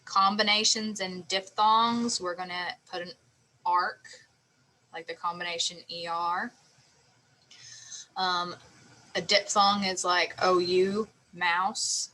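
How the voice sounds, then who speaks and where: A woman's voice: lowish voice, fairly even intonation, takes it slowly, pauses often, sharp tone, rough recording. A woman teacher explaining a phonics lesson patiently, sounding out letters and syllables step by step.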